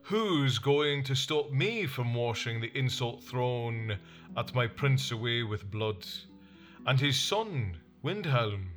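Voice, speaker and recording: A man's voice: mid-range voice, sing-song, takes it slowly, faint music behind. A man voicing a furious hot-headed nobleman. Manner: loud, blustering and challenging.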